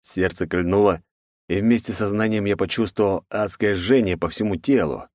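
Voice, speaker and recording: A man narrating an audiobook in a steady first-person storytelling manner. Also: fairly low pitch, normal speed, dry recording, studio quality.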